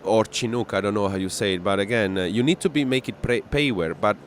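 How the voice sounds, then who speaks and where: A man's voice: fairly low pitch, quick pace, slight background noise. A man, streaming a flight simulator and chatting casually with his viewers, often answering their messages and laughing easily. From Italy. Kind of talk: casual live-stream chat. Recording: music playing behind.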